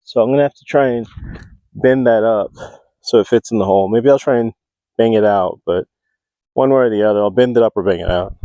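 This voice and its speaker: A man's voice: fairly low pitch, fairly quick, pauses often, warm tone, no room sound. A man vlogging while he does outdoor building work. He thinks aloud with lots of fillers, talks into a close clip-on mic and breathes heavily from the work. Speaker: homesteading vlogger. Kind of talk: casual talk while working. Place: outdoors at a homestead. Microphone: small clip-on mic close to the mouth.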